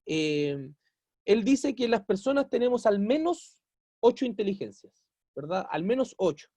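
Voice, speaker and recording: A man's voice: high voice, big pitch swings, a little slow, mellow, no room sound. A man giving a university lecture as a teacher, explaining at length, asking rhetorical questions and acting out quotes.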